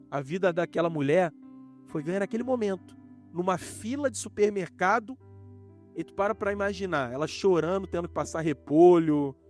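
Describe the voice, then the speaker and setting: A man with a Brazilian Portuguese accent preaching a sermon to a congregation, rising and falling sharply and acting out quoted voices. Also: on the high side. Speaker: pastor. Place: church in front of a congregation.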